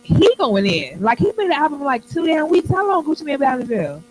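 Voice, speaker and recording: A man hosting an internet radio show, chatting casually in animated, slangy banter. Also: extremely high pitch, a little fast, rough recording. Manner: animated, slangy, talks over others.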